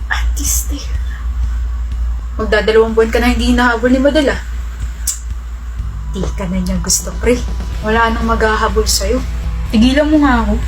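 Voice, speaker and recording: A woman's voice: on the high side, close to an everyday voice. A woman playing a pushy, arrogant young male student who taunts and bosses his girlfriend around, in a role-play skit. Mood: taunting. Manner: taunting and domineering.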